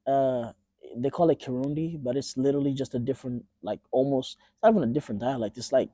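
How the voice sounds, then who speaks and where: A young man from Tanzania talks as an interview guest, easygoing and halting, often restarting his sentences. His voice is dark and mellow at an average pitch. The sound is dry and close. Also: dry recording. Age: 20s. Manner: relaxed, halting, with many fillers and restarts. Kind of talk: casual interview.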